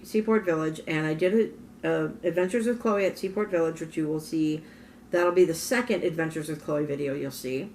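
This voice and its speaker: A woman's voice: lowish voice, slight background noise. A woman from Minnesota vlogging in a casual, rambling way, often correcting herself, with a morning voice. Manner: rambling, self-correcting storyteller. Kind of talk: casual talking-head vlog.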